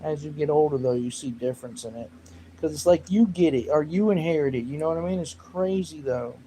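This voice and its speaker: A man's voice: fairly high pitch, brisk, warm tone, slight background noise, rough recording. Rambling man chatting on a livestream. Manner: rambling, jokey, snapping back at chat trolls. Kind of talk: casual livestream chat.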